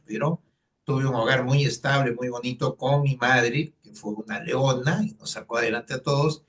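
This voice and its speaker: A Peruvian economist in his sixties from Lima tells his life story as an interview guest, earnest and full of fillers, in a Lima Spanish accent. His voice is medium-pitched and a bit bright, and he sounds far from the mic.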